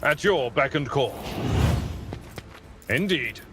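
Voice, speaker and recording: A man's voice: medium pitch, animated, takes it slowly. A man voicing an unruffled, obliging battle veteran in a video game. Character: seasoned, unflappable loyal retainer and battle veteran. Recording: loud game music behind.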